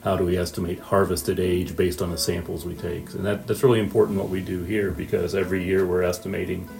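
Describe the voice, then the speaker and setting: This Northwest Ohio man in his forties, who works as a fisheries administrator, responds to interview questions carefully, with many pauses and restarts. He sits low in pitch with a flat, dark delivery and vocal fry, while faint music plays behind him.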